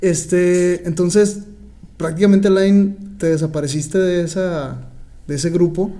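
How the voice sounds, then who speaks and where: A man, co-hosting a podcast and telling stories in an animated way, laughing often. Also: high-pitched, slow pace. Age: 20s. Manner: animated storyteller, laughs often, many fillers. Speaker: podcast co-host. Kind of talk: casual podcast conversation.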